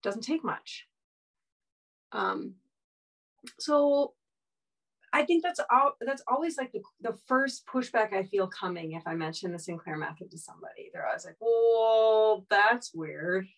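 A woman guest speaking frankly about her own life in an earnest, unpolished way. She often stops and restarts her sentences as she works her thoughts out. Her voice sits at an ordinary middle pitch. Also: moderate pace, creaky, pauses often, fairly bright tone, poor audio. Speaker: interview guest. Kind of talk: candid personal story.

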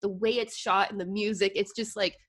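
A woman's voice: medium pitch, a little fast. A young woman co-hosting a podcast in casual chat, giggly and full of "like". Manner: giggly, animated, lots of "like". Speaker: podcast co-host.

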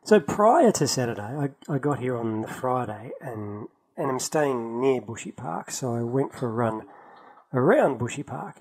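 Lively man, slightly husky. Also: medium pitch, moderate pace, low-quality recording. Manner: chatty, laughs often, lively storytelling. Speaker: podcast co-host. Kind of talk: casual chat. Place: travelling, in London.

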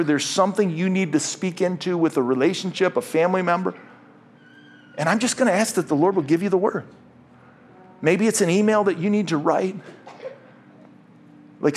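Middle-aged male pastor, slightly high voice, jokey sermon delivery with stumbles. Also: slight background noise. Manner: jokey, stumbles and repeats words. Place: church.

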